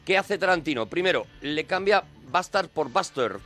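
A man's voice: on the high side, expressive, normal speed, a bit bright, faint music behind. A man from Spain with a Spanish accent, co-hosting a radio show and explaining at length with many fillers and restarts. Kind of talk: casual radio chat.

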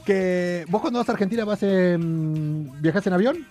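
A man's voice: high-pitched, moderate pace, warm tone, faint music behind. A man from Spain with a Spanish accent, hosting a radio show with playful, teasing casual chat.

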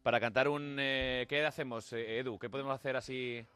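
A man hosting a comedy radio show, chatting with quick jokey asides. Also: medium pitch, steady tone, bright, forceful tone, clean tone, dry recording. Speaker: radio host.

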